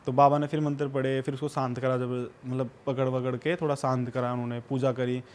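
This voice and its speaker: A man's voice: medium pitch, little pitch movement, a little fast, a little mellow. A man telling a ghost story in a casual, rambling, conversational way as a podcast guest. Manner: rambling, conversational, often says "bhai" and "na".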